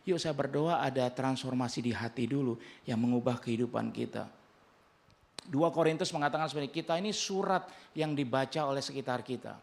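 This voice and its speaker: A man's voice: medium pitch, a little fast, vocal fry, darkish tone. A male pastor with an Indonesian accent, preaching a sermon in a conversational, humorous way and acting out the dialogue he quotes.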